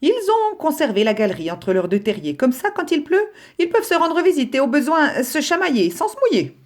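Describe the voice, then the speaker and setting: A woman teacher reading a children's story aloud with an expressive storytelling delivery. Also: sits high, fairly quick.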